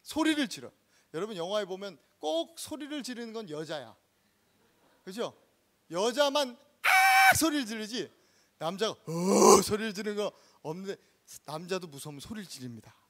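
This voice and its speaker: A male pastor giving an animated storytelling sermon in a church, acting out the scenes he tells. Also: high-pitched, a little fast. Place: church sanctuary.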